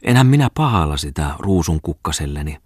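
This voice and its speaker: A man's voice: extremely low pitch, big pitch swings, slightly rough, no echo, studio quality, exaggerated voice. A man reading a novel aloud, voicing a pale, doubtful village shoemaker who speaks in a whiny, hesitant way. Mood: doubting. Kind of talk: audiobook character reading.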